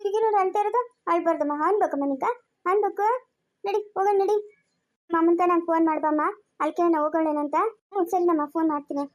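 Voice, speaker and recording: A woman's voice: very high voice, steady tone, fast. A woman playing a fretful village grandmother who scolds and coaxes, speaking with a Chikkaballapur Kannada accent. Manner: anxious, scolding, coaxing. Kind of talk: village family drama.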